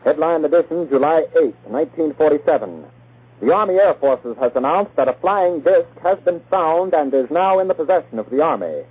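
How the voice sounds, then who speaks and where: A man's voice: fairly high pitch, lively intonation, brisk, narrow, tinny audio, noisy background. A man reading the news as a radio announcer in a formal 1940s style, heard from an old archival broadcast.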